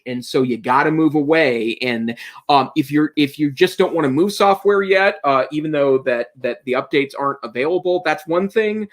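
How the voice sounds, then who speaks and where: A man co-hosting an education technology podcast, giving earnest, opinionated advice in casual talk with frequent restarts. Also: a little high. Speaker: podcast co-host. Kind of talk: casual tech chat.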